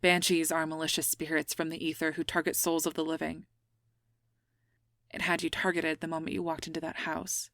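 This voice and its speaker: A woman with a low-pitched, fairly bright voice plays the stern, exacting boss of a ghost-hunting team in an audio roleplay. Her delivery is flat and fairly quick with no echo, composed and authoritative, issuing dry, clipped orders.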